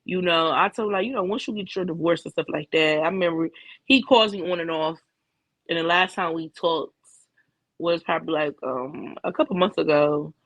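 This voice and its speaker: A woman's voice: lowish voice, moderate pace, a bit bright, dry recording, poor audio. A woman co-hosting a casual chat, telling a candid, profane dating story full of fillers. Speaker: co-host.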